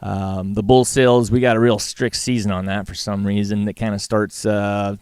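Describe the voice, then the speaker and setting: A man's voice: fairly low pitch, level tone, normal speed, darkish tone, clean tone, no room sound, studio quality. A middle-aged man with a Western Canadian accent chats casually in an interview, plain-spoken and folksy. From Alberta, Canada. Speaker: guest, livestock auctioneer and former calf roper.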